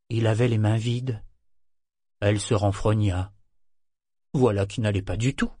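A man reads a novel aloud in a measured, steady storytelling manner. His voice sits at a middling pitch. The recording is close and completely dry. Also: dry recording. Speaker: audiobook narrator. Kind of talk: scripted narration.

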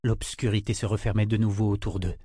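A man narrating a fantasy novel aloud in an even, measured reading. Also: fairly low pitch, slightly rough, dry recording, clean studio sound. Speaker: audiobook narrator.

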